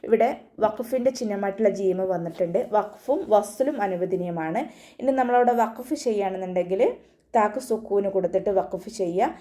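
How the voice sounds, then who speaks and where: A woman with a warm, mellow voice leads an online Quran recitation class. She explains each sound patiently and step by step, pausing now and then to chant a verse slowly as an example. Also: medium pitch. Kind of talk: online tajweed lesson.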